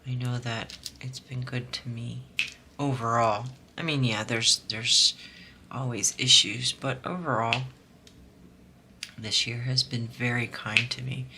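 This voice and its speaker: A woman with a slightly hoarse, scratchy throat, chatting casually and softly while she works on a craft project. She rambles, with lots of fillers and restarts. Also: rumbling low, fairly even intonation, slow pace. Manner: soft-spoken and rambling, with many fillers and restarts. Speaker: diamond painting vlogger.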